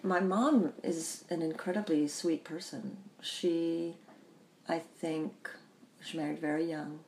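A woman who grew up in the Bahamas, telling her family history in an interview, thoughtful and pausing often. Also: sits low, fairly even intonation, darkish tone, a little hiss or hum. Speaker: interview guest. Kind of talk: reflective personal storytelling.

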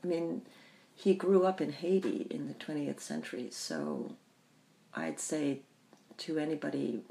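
A woman who grew up in the Bahamas, telling her family history in an interview, thoughtful and pausing often. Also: low voice, animated, gravelly, dark tone. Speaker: interview guest. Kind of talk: reflective personal storytelling.

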